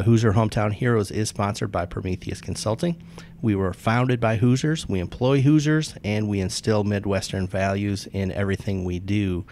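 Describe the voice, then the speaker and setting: Male interview host with a low voice, conversational, stops and restarts often. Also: darkish tone. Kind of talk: interview with a sponsor read.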